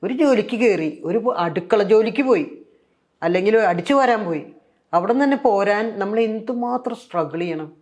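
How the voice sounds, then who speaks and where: A woman's voice: mid-range voice, normal speed. An older woman from Kerala with a Malayalam accent, telling her story in an interview and acting out what others said. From Kerala, India. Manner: animated, acts out quoted voices, frequent fillers. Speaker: interviewee, former nun. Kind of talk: conversational storytelling.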